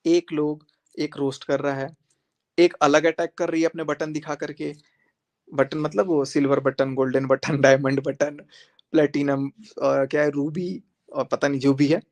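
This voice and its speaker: Talking a little slowly with little pitch movement, a higher-voiced livestreamer confronts a rival and calls for him to join. His delivery is repetitive and aimed directly at viewers.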